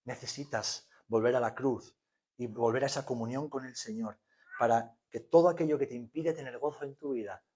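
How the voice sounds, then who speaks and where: Spanish-accented pastor preaching, loud and soft. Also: male voice, medium pitch, normal speed. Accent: Spanish from Spain. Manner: preaching with sudden swings from hushed to loud. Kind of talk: sermon.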